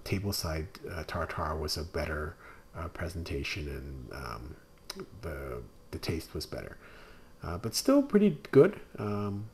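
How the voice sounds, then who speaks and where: A man's voice: sits low, darkish tone. A man narrating a casual restaurant review over photos, talking plainly and hesitantly with many fillers. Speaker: food reviewer.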